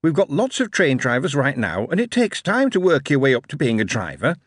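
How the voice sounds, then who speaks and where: A man voicing a brisk young male railway recruiter who talks in cheery slang. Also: medium pitch, huge pitch swings, slightly rough, no echo, studio quality, voice pushed up.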